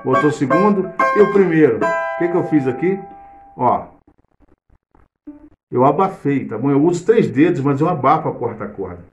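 A man's voice: on the high side, lively intonation, moderate pace, dull audio, over music. A middle-aged man with a Brazilian Portuguese accent, teaching cavaquinho in a casual live lesson, explaining theory while he plays. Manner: chatty, explains theory while playing, hums and sings snippets. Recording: echoey room with loud cavaquinho playing.

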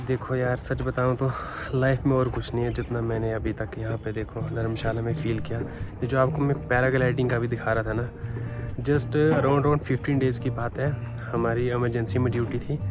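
A man in his twenties talking casually to viewers while filming himself outdoors on a hillside. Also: medium pitch. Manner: chatty, addresses viewers as bhai. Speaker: vlogger. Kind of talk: casual travel vlog. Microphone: phone camera at arm's length.

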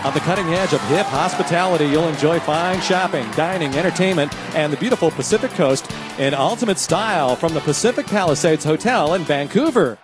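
A man playing an enthusiastic game show prize announcer, delivering scripted prize copy in a booming, excited selling manner. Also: brisk, lightly acted. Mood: excited, promotional. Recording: loud music and studio crowd behind.

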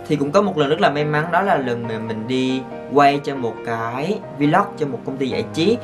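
A man, telling stories to his viewers as a vlogger in an excitable, gushing way. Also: fairly high pitch. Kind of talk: casual storytelling to viewers.

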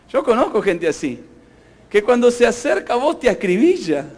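A male preacher delivers an emphatic sermon. His voice sits very high for a man, and he keeps turning to the congregation with questions. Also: sing-song, unhurried, darkish tone. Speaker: pastor.

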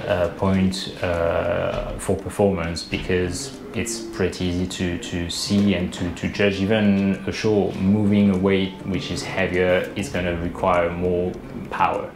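A gravelly, low-pitched voice belongs to a boat designer in his thirties who is being interviewed over a video call from an indoor room. His explanations are hesitant and full of fillers and restarts. Roomy webcam sound with faint hiss captures him.

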